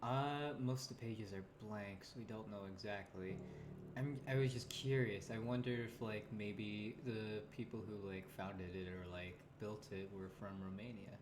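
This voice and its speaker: A man's voice: lowish voice, fairly even intonation, normal speed, background noise. A man playing a tabletop horror game on stream, wondering aloud with many fillers. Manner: curious, thinking aloud with fillers. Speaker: player and stream host. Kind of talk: casual tabletop game chat.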